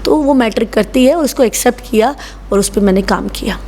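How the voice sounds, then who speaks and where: A woman in her thirties with a Haryanvi accent, speaking in a somewhat high voice. She talks bluntly and forcefully, rough and tough, hammering home each point as an interview guest. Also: fairly quick. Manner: blunt, rough and tough, emphatic, often says "bhai". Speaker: salon owner, interview guest. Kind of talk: casual interview talk.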